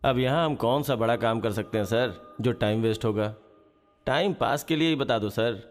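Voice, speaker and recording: A man's voice: mid-range voice, normal speed, long reverb tail, natural voice. An actor playing a deferential prison inmate who keeps addressing the other man as sir. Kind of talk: Hindi film dialogue.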